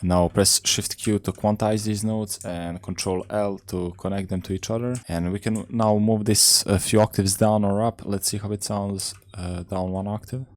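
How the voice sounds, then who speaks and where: Laid-back young man with a low voice. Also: steady tone, moderate pace, hardly any pauses. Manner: laid-back slangy talk with frequent "uh" fillers. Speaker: music producer teaching a tutorial. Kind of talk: casual screen-recorded tutorial. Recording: faint music underneath. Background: music playing in the session.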